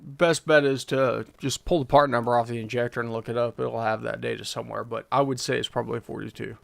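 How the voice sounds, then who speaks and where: Speaking fast in a steady, mid-range voice with vocal fry, a man hosts a casual livestream. He reads out viewers' engine-tuning questions and works through his answers aloud, filling gaps with frequent fillers.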